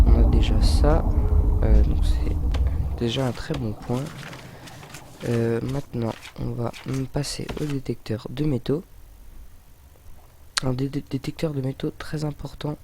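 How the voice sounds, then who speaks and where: A young man casually commentating a building game, hesitant and full of fillers, muttering to himself as he plays. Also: mid-range voice. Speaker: gaming video host. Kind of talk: casual let's-play commentary. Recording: home recording with clear background noise.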